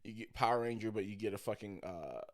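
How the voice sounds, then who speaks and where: A man co-hosting a podcast in casual chat, telling stories with lots of swearing and growing loud and excited as he goes. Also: lowish voice, fast. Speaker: podcast co-host.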